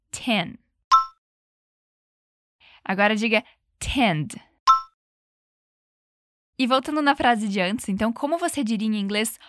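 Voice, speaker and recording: A woman teaching English in a bilingual lesson, giving clear encouraging repeat-after-me drills and slowing down to model pronunciation. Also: fairly high pitch, a bit bright, no echo, studio quality.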